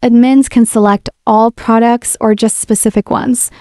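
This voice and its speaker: A software demo presenter whose voice is on the high side walks through an app at a moderate pace, giving a relaxed, friendly, step-by-step explanation. The casual screen-recorded voice-over was made on a voice-over mic. It sounds studio quality, with no echo.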